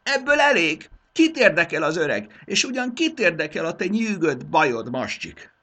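A shrill, overwrought storybook king, put on by a male narrator, wailing in a high, strained voice at full volume. Husky grain under the voice, swooping wildly up and down as he carries on. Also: sing-song, a bit bright, full character voice. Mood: anguished. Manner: high-pitched, wailing, theatrical.

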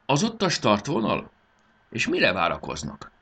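A man reading aloud and voicing a young fairy girl who is bossy, lively and urgent. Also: mid-range voice, creaky, husky, voice pushed up, full character voice. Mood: puzzled.

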